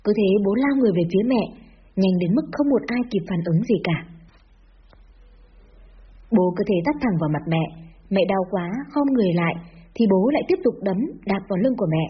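A woman narrates a scripted first-person story at a brisk clip. Her reading stays steady, and she gives the quoted lines only a light touch of voice. The recording is a little muffled, with faint background hiss. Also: medium pitch. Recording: slightly dull lo-fi audio with faint noise.

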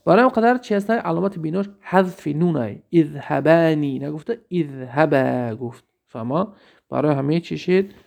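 A man with a Tajik Persian accent teaching an Arabic grammar lesson, explaining step by step, asking questions to check understanding and reading example sentences slowly. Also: on the high side, animated, vocal fry, a little mellow.

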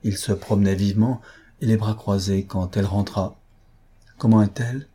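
A male audiobook narrator reading a classic novel in an even, literary way. His voice is low, dark and husky. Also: moderate pace. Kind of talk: scripted narration.

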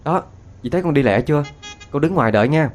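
A man voicing a brash, cocky teenage girl who talks like a rough man, in a narrated ghost story. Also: a little high, expressive, quick pace, faint music behind, voice pushed up, natural voice. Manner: bold, swaggering, talks back like a man.

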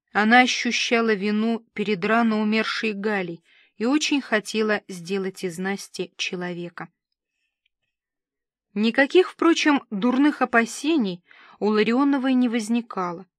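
A woman's voice: mid-range voice, unhurried, no echo. Woman reading a novel, dry close sound. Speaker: audiobook narrator. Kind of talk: audiobook reading of a detective novel.

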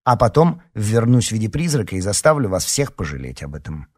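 A man's voice: on the low side, sing-song, fairly quick, breathy edge. A man reading an audiobook, voicing a bossy, commanding teenage girl who edits a school paper. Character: stern young female school newspaper editor.

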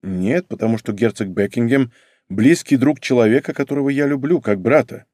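A man voicing an earnest, reserved young nobleman in an audiobook, speaking quietly and sincerely. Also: medium pitch, fairly quick, no echo, studio quality, close to an everyday voice. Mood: subdued.

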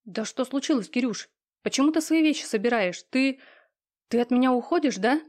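A woman's voice: sits high, lively intonation, a little fast, darkish tone. Woman reading as Sanya, a timid young woman. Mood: anxious. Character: timid young woman, hurt but stubborn. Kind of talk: audiobook reading.

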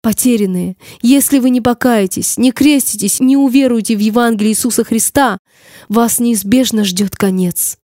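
A woman reading the lines of Jesus, a calm, grave male savior, in a solemn, measured audiobook reading. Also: on the high side, no room sound, studio quality, close to an everyday voice.

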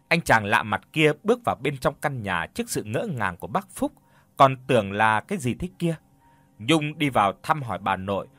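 A man's voice: mid-range voice, fairly bright tone, no room sound. A man narrating a horror story in a dramatic storytelling manner.

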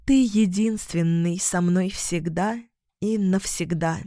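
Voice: mid-range voice, slow, warm tone, no echo, lightly acted. A narrator voicing a distraught young queen who turns from tender pleas to bitter accusations, in a dry close recording. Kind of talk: audiobook character reading.

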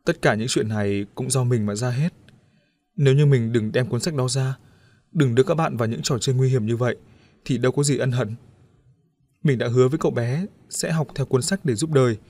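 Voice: medium pitch, fairly quick, a little mellow, no room sound, natural voice. A man voicing a remorseful, earnest young friend in an audiobook story, urging the others insistently.

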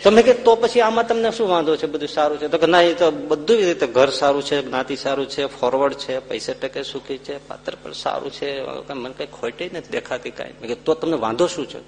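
A man's voice: on the high side, brisk, few pauses, darkish tone. A man, a monk telling a humorous anecdote in a sermon and acting out the voices of the people in it. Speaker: monk giving a discourse. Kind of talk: sermon storytelling. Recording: echoing hall with faint hum.

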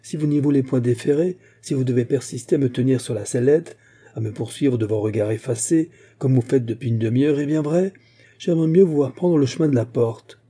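A man's voice: mid-range voice, a little fast, warm tone, breathy edge, lightly acted. A man voicing a drunk, quarrelsome middle-aged attorney with a thick, surly, blustering manner, raised above his own voice.

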